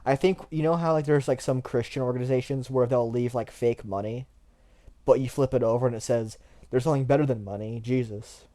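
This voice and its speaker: A man's voice: mid-range voice, fairly even intonation, brisk, warm tone. A man co-hosting a podcast in casual chat, with a dry, joking delivery. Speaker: podcast co-host.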